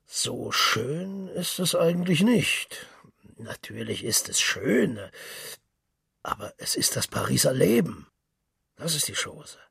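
A man voicing a boisterous, hard-drinking middle-aged male journalist, loud and boastful, with a gravelly, raspy voice. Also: mid-range voice, very animated, a little slow, long pauses, no room sound, clean studio sound, exaggerated voice. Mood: worldly.

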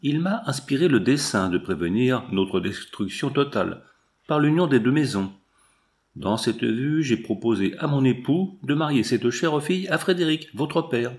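Man reading as a gentle pious princess. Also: mid-range voice, animated, moderate pace, close to an everyday voice. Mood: solemn. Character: noble middle-aged princess, gentle and pious.

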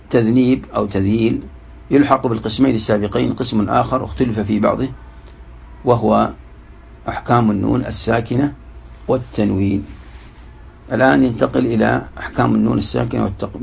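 Male scholar, gravelly rasp, steady lecturing, reads then explains, muffled lo-fi recording. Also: medium pitch. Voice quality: gravelly, husky. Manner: reads text then explains, lists recited examples. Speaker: Islamic scholar teaching. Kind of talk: classroom lecture explaining a text.

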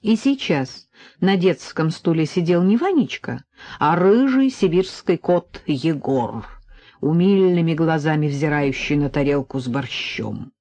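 Warm, lively woman narrating a novel. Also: low-pitched, unhurried, no echo. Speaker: audiobook narrator. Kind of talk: scripted narration. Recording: dull lo-fi recording.

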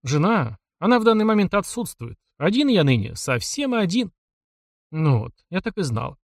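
A man's voice: high voice, very animated, moderate pace, no echo, studio quality, voice pushed up. A man reading an audiobook and voicing a sly, chatty driver in his thirties who teases and questions. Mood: jovial. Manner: chatty, teasing, probing.

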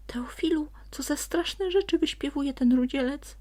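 A woman voicing a small, excitable male forest elf who calls out in shrill, breathless exclamations. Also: unhurried. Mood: indignant.

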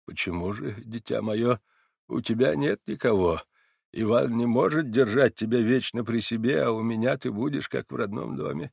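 A male narrator voices a grieving old man, worn out and quiet. The voice drops lower and softer, heavy with sorrow. The sound is dry and close. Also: normal speed, gravelly, slightly rough, no echo. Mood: pleading. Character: grieving, feverish old man, gentle and weary.

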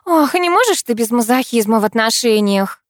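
A woman voicing a level-headed young female friend who talks in a brisk, matter-of-fact way, in an audiobook. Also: a little high, expressive, dry recording, studio quality, pitched above the performer's own voice, lightly acted.

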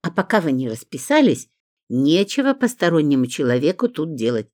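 A woman voicing a quarrelsome, coarse female neighbor who yells and scolds. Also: low voice, very animated, a little fast, no echo, studio quality. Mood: scolding.

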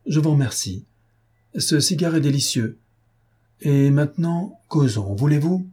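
A man's voice: a little high, lively intonation, unhurried, warm tone, voice pushed up. A man voicing a suave, mocking gang boss. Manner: smooth, ironic, coldly polite. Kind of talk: audiobook character voice.

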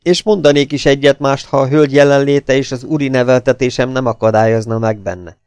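A man reading aloud, voicing a stocky, hot-tempered older sailor who bursts out in rough, indignant shouts. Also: medium pitch, fairly even intonation, dry recording, natural voice. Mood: angry.

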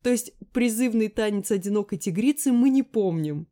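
A woman reading an audiobook, voicing a sharp-tongued young woman friend who scolds and mocks loudly. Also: on the low side, brisk, lightly acted. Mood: mocking. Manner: loud, scolding, sarcastic. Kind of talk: audiobook character voice.

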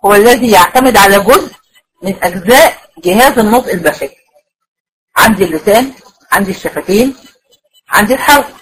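A woman's voice: medium pitch, lively intonation, a little fast, pauses often, husky, low-quality recording. An Egyptian woman teaching a tajweed lecture to female students, explaining step by step and often checking that they follow. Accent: Egyptian Arabic. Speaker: Quran recitation teacher.

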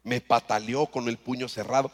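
A man with a Mexican accent telling a comic story on stage as a motivational speaker, animated and acting out the voices. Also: mid-range voice, moderate pace. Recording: long reverb in a hall.

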